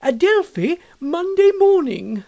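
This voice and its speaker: A man voicing a prim older spinster schoolmistress, reading out a note in high fluttering triumph. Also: big pitch swings, takes it slowly, creaky, a little mellow, full character voice. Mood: triumphant.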